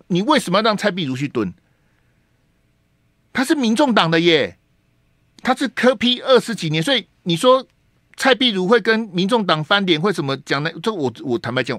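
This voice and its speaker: In a radio studio, a man with a Taiwanese Mandarin accent hosts a talk show, speaking into a studio microphone with a high, slightly bright voice. He delivers emphatic political commentary packed with rhetorical questions and sprinkled with Taiwanese Hokkien words. The sound is studio quality with no echo.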